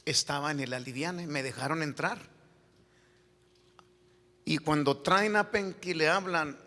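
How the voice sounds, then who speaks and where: A man, a pastor telling a story in his sermon that builds to shouted preaching. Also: on the high side. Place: church sanctuary. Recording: echoey hall reverb.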